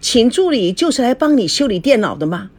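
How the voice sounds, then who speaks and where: A woman voicing a furious, betrayed young wife who talks in a shrill, cutting, accusing way, reading a storybook. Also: sing-song, moderate pace, slightly rough, full character voice.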